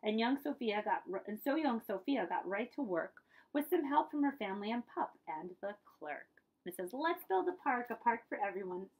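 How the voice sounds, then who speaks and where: Here a woman of medium pitch reads from a children's picture book in a librarian's role, heavy on dramatic emphasis with friendly asides mixed in. The recording quality is low.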